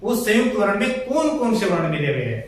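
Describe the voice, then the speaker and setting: A male Hindi grammar teacher giving a blackboard lesson, explaining slowly, spelling out syllables one by one and calling his viewers friends. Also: high-pitched, sing-song. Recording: very echoey room, far from the mic.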